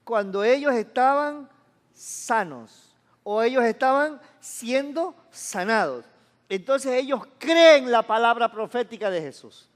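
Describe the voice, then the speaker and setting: High-voiced preaching pastor in a reverberant church. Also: male voice, expressive, slow. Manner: conversational preaching, asks the congregation for agreement. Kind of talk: sermon.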